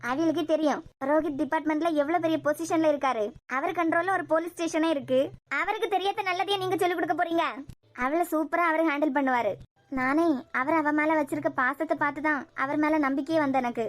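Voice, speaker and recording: A woman with a Kanyakumari Tamil accent voicing a calm, sensible middle-aged mother in a cartoon web series. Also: sits high, fast, natural voice. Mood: reassuring. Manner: soothing, matter-of-fact.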